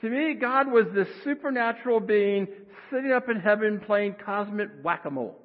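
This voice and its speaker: A man preaching a sermon as pastor, earnest and conversational, with sudden rises in pitch. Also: lively intonation, moderate pace. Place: church sanctuary. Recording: tinny phone-like sound, long hall reverb.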